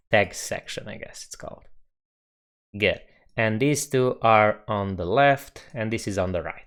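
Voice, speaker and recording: Slow, musing Romanian-accented man. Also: on the low side, smooth. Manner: unhurried, musing, reads chat aloud. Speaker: coding streamer. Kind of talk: live coding stream, thinking aloud.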